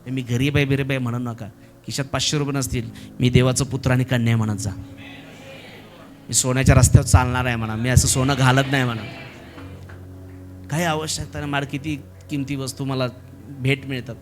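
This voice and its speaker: A man with a Marathi accent preaching a sermon as pastor, impassioned and building to shouted exhortation, leading the congregation in repeated prayer lines. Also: medium pitch, steady tone, fairly quick, long pauses, over music. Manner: leads congregation in repeated call-and-response prayer.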